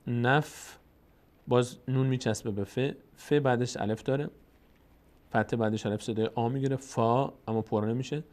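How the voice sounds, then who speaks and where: A man teaching the rules of Quran recitation, explaining in plain speech and then reciting verses slowly and drawn out. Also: medium pitch, darkish tone.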